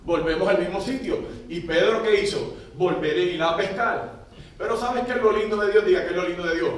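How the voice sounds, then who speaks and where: High-voiced preacher in an echoey hall. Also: male voice, fairly quick. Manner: call-and-response preaching, urging the congregation to repeat phrases. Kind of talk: sermon. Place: large church hall. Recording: echoey church hall, mic at a distance.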